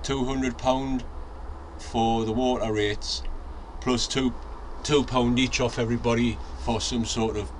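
This man's voice is medium in pitch, a little slow, with fairly even intonation. An allotment vlogger in his forties from North East England, he chats casually in a Northeast English accent with many ums and restarts, first outdoors on a handheld camera and later in a shed on a fixed camera, sirens and traffic audible outside.

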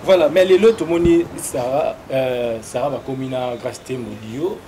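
A man interviewing a guest, talking quietly with short replies. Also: medium pitch, normal speed, background noise.

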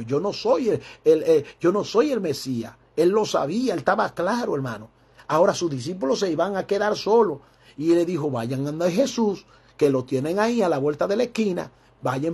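A man preaching a sermon as pastor, fervent and emphatic, climbing into high bursts. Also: darkish tone, husky.

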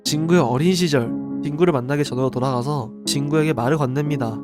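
A man's voice: fairly high pitch, fast. A man hosting a radio-style show, telling urban legends conversationally and explaining them with questions to his listeners. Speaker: radio-style horror story channel host. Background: music behind the voice.

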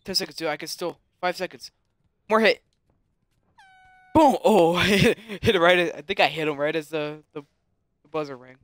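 A man giving casual, excitable commentary on his own gameplay, taunting and shouting sound effects. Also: fairly high pitch, fairly quick, dry recording. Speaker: gaming commentator. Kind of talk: casual let's-play commentary.

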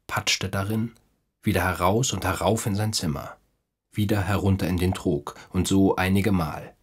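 Male audiobook reader, very low voice, husky, measured literary narration. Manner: measured, even storytelling delivery.

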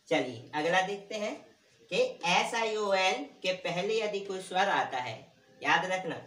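Guy teaching english pronunciation, slow and deliberate, sounds far off the mic in an echoey room. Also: on the high side, a bit bright. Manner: asks questions and answers them himself, repeats words slowly. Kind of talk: classroom pronunciation lesson. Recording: roomy echo, voice from off the mic.

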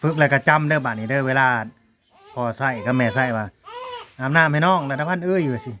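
A man's voice: medium pitch, fast talker, a bit bright. A man with an Isan Thai accent, chatting casually to viewers as he films his family at home and keeps addressing them as brothers and sisters. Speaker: vlogger filming family life. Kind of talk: casual running commentary to viewers. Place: family home in a rural village.

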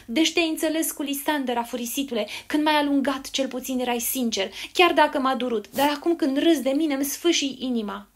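A woman's voice: sits high, hardly any pauses, pitched above the performer's own voice, natural voice. A woman doing a tearful wounded young woman. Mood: hurt bitter. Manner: tearful reproach. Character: hurt slender young woman, tearful and bitter.

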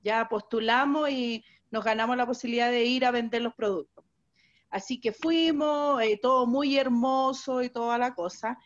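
A workshop participant in an online training, a woman with a Chilean accent and a slightly high voice, tells a lively story at a moderate pace, frequently quoting voices. The audio is dull and lo-fi, like a video call.

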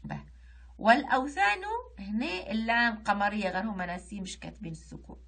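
Husky-voiced Libyan woman teaching. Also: mid-range voice, very animated, a bit bright. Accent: Libyan Arabic. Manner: recites verse slowly, word by word, then explains pronunciation. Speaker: primary school Arabic teacher. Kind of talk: online reading lesson for children.

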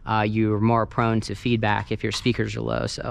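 In a fairly low, monotone voice at normal speed, a man walks through his sound engineering work in an informal, hands-on first-person tutorial. The setting is a large carpeted banquet hall with a wooden dance floor, where room ambience is plainly audible.

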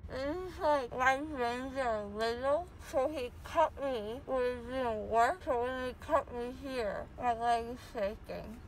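Loopy young woman fresh from dental work, slow slurry talk thru gauze, whiny, noisy car phone video. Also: a little high. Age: young adult. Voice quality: slurred, muffled articulation from gauze in mouth. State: numb, stuffed mouth after dental extraction, groggy from anesthesia. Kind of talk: casual rambling chat. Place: inside a car. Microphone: phone held by another occupant.

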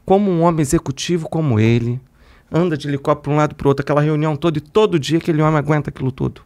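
Brazilian therapist explaining calmly. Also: mid-range voice, very fast. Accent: Brazilian Portuguese. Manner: explanatory, conversational. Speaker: therapist co-host. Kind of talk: casual podcast chat.

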